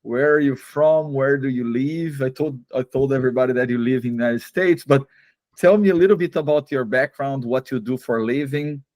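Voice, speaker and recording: A man's voice: mid-range voice, brisk, darkish tone, no echo. A man hosting an interview, asking friendly questions with phrasing. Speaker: host.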